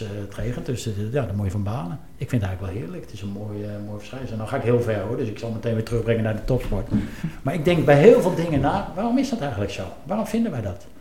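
A man's voice: mid-range voice, mellow, a little hiss or hum. A man, a former club executive, speaking reflectively and hesitantly in a conversation with many fillers. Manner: thoughtful, hesitant, full of fillers and self-questions. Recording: roomy with faint ambience.

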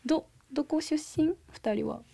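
A young woman from Kansai with a Kansai accent, chatting casually with classmates in a recording booth, laughing often and agreeing in quick bursts. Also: high voice, creaky, warm tone. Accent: Kansai Japanese. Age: young adult. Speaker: student scriptwriter leading the chat. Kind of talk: casual chat.

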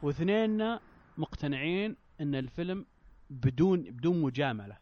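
A man chatting casually as a panelist, halting and repeating himself insistently. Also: on the high side, animated, no echo, lo-fi sound. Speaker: panelist on a film discussion show. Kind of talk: casual chat.

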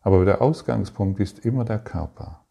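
A man giving a calm, reflective spiritual talk, speaking slowly with pauses and restarts. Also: lowish voice, creaky. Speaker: spiritual teacher.

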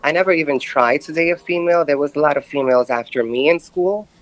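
A male-sounding voice in the early thirties, from Brooklyn, giving a personal interview in a halting, reflective manner. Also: on the high side, rough recording. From Brooklyn, New York. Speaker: podcast guest.

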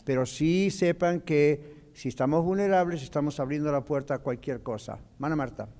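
A man leads a Bible class with a fairly high voice, explaining step by step and dropping in the odd English phrase. His voice rings with a long reverb from a large church hall. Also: moderate pace, warm tone. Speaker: pastor teaching a Bible class. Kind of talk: Bible class teaching with questions from the floor.

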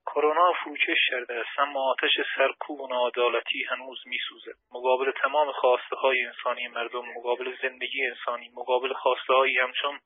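A man speaks over a narrow, tinny telephone line in a husky, flat voice. He delivers a prepared activist statement in a formal, earnest way, keeping the pitch very even. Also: dry recording. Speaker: imprisoned labour activist. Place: phone call from prison. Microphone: telephone handset. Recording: tinny, muffled phone line.

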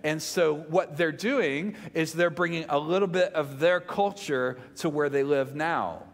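Male preacher, Southern US accent, slightly high voice; emphatic, conversational sermon with repeated phrases, heard in a reverberant hall. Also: a little slow. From Mississippi, United States. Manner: emphatic, repeats phrases, asks the audience questions. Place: large reverberant room, speaking to a congregation.

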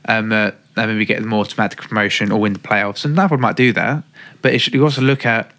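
A man's voice: on the low side, fairly even intonation, quick pace, a bit bright. A man chatting casually about football on a podcast, hesitant and often restarting. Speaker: podcast guest.

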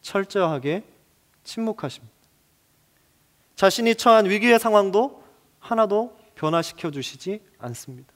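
A male pastor delivering a dramatic sermon, dropping to a hush and then building to loud, pleading passages. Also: sits high, expressive, a little slow, pauses often. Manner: dramatic, shifting between hushed and loud passages.

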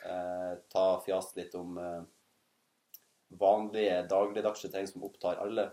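A man with a North Norwegian accent and a lowish voice. He co-hosts a podcast in loose, casual chat, musing playfully as he goes. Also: flat delivery, mellow. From Northern Norway. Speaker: podcast co-host.

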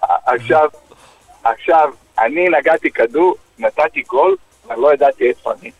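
A middle-aged man with a Croatian accent, a former footballer telling stories as a radio guest, in lively, broken speech. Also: a little high, creaky, husky, dry recording, narrow, tinny audio, soft background music. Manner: lively, acts out dialogue, broken grammar. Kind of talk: animated storytelling on radio.

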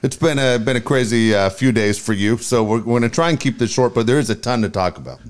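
Man with a mid-pitched voice, casual host. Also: fast. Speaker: sports talk show co-host. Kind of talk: casual sports chat.

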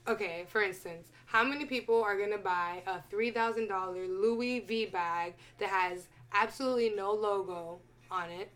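A woman's voice: mid-range voice, normal speed, few pauses, a bit bright. A young woman talking casually as a podcast guest, opinionated and emphatic, laughing often. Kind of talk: casual chat.

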